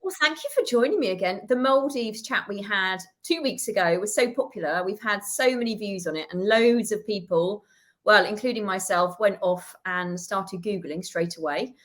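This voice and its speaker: A woman hosting a casual live interview chat, bubbly and quick to laugh. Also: mid-range voice. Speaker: host.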